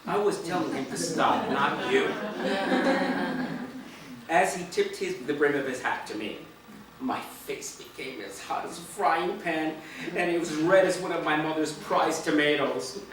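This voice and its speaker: A man reading his own first-person story aloud in a dramatic way, swinging between hushed and loud passages. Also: on the high side, normal speed, slight background noise. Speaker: reader of his own play. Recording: echoey room from far off, faint ambience.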